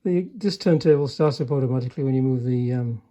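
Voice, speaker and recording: An older radio repairer moves quickly through a casual hands-on demonstration of a restored chassis, his warm mid-range voice understated and hesitant, with trailing remarks.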